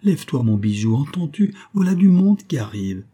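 A man's voice: mid-range voice, lively intonation, brisk, mellow, slightly rough, voice pushed up. A man voicing a tender, anxious young lady of the manor in a storybook reading, pleading urgently.

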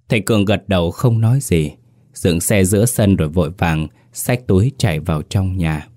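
A man with a very deep voice narrates a ghost story. He reads in a measured, suspenseful way. His low register stays steady throughout. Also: no echo, studio quality. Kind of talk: scripted horror story narration.

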